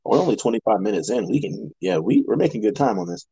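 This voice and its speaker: Husky, animated man bantering. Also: on the low side, fast talker, dry recording, low-quality recording. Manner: jokey, profane banter and laughter. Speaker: podcast co-host. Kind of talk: casual chat.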